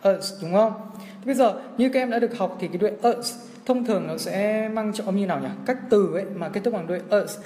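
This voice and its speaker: A young English teacher with a high, warm voice talks quickly on a livestream, going through an exam in a chatty way and often checking in with viewers. He films his screen from an indoor room with long, echoing reverb and slight background noise.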